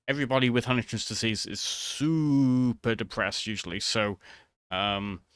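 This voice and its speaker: Low-voiced man rambling haltingly, crisp dry sound. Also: pushed and bright, no echo. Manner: hesitant, halting, trailing off mid-thought. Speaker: vtuber video creator. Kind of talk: casual rambling monologue to viewers.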